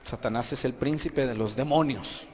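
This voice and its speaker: A man's voice: medium pitch, moderate pace, slight background noise. A man, a priest giving an emphatic sermon and questioning the congregation. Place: church. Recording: echoey hall, faint background ambience.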